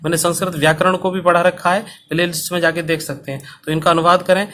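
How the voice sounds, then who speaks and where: High, bright-voiced male teacher. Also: level tone, a little hiss or hum. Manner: slow, dictation-paced explanation. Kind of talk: Sanskrit lesson for school students. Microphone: recorded for online video.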